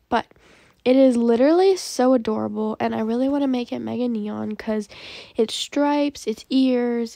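A woman's voice: a little high, vocal fry, warm tone, no room sound. A young woman hosting a gaming channel, chatting casually about her game pets and often saying "like" and "um". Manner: chatty, says "like" and "um" a lot.

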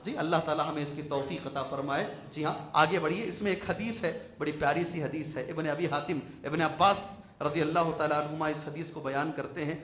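A man from India, preaching a Quran commentary sermon in a mosque, pressing young listeners with repeated questions and moving between soft asides and raised exhortation. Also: a little high, steady tone, echoey room. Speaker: Islamic preacher. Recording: dull lo-fi mosque recording.

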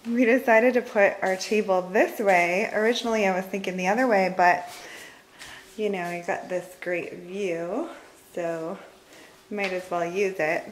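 A home vlogger in her thirties casually and cheerfully shows off a large house with an open living room and kitchen, holding the camera while off screen and talking with lots of fillers. Her mid-range voice is steady in tone and a little slow. Slight background noise comes through a rough recording.

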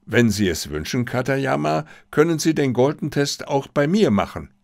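A man voicing an unruffled, courteous male official who speaks calmly, in an audiobook. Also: mid-range voice, normal speed, gravelly, dry recording, studio quality. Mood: composed.

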